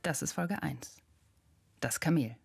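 A woman narrating a podcast in a measured, reflective scripted delivery. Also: low voice, creaky, husky, soft background music.

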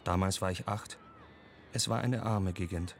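A man reading a voice-over translation in a calm, even way. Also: deep voice, moderate pace, a little hiss or hum.

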